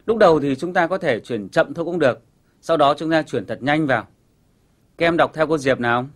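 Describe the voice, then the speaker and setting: A man teaching a children's English lesson on television, explaining pronunciation patiently and clearly. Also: a little high, a little fast.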